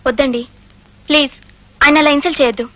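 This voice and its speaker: An actress playing an eager young newlywed wife in a comedy film, talking quickly and pleadingly. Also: female voice, sits high, steady tone, dry recording, natural voice. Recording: dull film audio with music.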